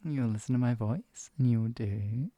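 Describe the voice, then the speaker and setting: A performer voicing a teasing, possessive villainous hypnotist in a soft, breathy ASMR role-play, coaxing and lulling a captive pet. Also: mid-range voice, moderate pace, dry recording, lo-fi sound, lightly acted. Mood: teasing, commanding. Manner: soft coaxing murmur slipping into close speaks softly.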